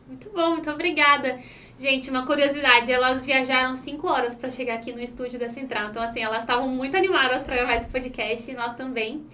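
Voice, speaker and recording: A woman's voice: high-pitched, steady tone, fast, pushed and bright, recorded from a distance, a little hiss or hum. A woman in her twenties from Brazil hosting a casual podcast chat, upbeat and chatty. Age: 20s. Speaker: podcast host.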